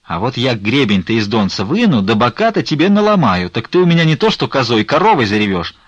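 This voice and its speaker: A man's voice: mid-range voice, very animated, fast, husky, no room sound, lo-fi sound. A man voicing a fussy, scolding but kind-hearted old woman nun in an audiobook. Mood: threatening.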